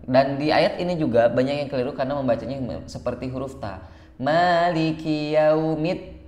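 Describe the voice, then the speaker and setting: A man with an Indonesian accent teaching Quran recitation, switching between slow drawn-out chanting and quick spoken explanations. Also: medium pitch, a little mellow, reverberant. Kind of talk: online recitation lesson.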